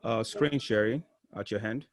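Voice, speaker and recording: A man running an online marketing training on a video call. He explains step by step and often restarts his sentences. His voice sits at a middle pitch and sounds dry and close. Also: moderate pace, no echo. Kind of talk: live training talk.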